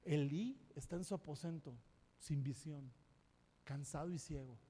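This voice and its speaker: A pastor preaches with fervent, emphatic delivery, his voice pitched high for a man. It carries a long reverb from the church hall around him. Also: a little slow, husky. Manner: impassioned, emphatic preaching, at times shouting. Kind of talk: sermon. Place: church sanctuary.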